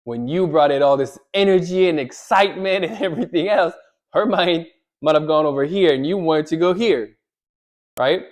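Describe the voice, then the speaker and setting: A man giving relationship advice straight to the camera, animated, often checking in with "right?" and acting out what a wife might say. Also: fairly high pitch, moderate pace. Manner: animated, repeats "right?", acts out quoted lines. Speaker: relationship coach. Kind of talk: direct-to-camera advice talk.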